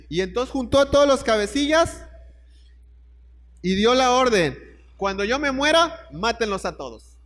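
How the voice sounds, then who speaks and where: Preacher guy, high voice, storytelling sermon, long church-hall reverb. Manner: storytelling, speaks straight to listeners, rhetorical questions.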